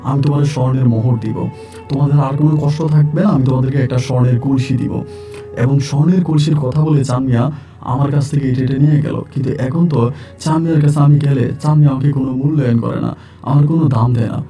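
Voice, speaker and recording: A man voicing a remorseful mother who confesses in a halting, hesitant way. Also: mid-range voice, fairly even intonation, warm tone, close to an everyday voice. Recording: distant mic, faint music.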